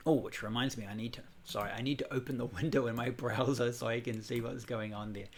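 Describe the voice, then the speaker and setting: A fortyish man from New Zealand leads a casual livestream Buddhism class, rambling easily with lots of fillers and restarts. He talks at a quick pace in a mid-range voice, heard through a computer or phone.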